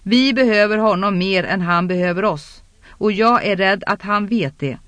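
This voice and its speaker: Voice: mid-range voice, expressive, bright, forceful tone, dry recording, voice pushed up. A narrator doing a frightened, pleading noblewoman. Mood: urgent. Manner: urgent, pleading.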